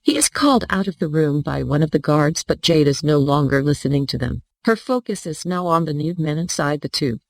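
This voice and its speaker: A text-to-speech narrator reads a storybook in an even, steady manner. The voice has a gravelly, creaky grain. The sound is dry and close, with no room around it. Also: mid-range voice, brisk, few pauses, dry recording, poor audio. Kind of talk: synthetic audiobook narration.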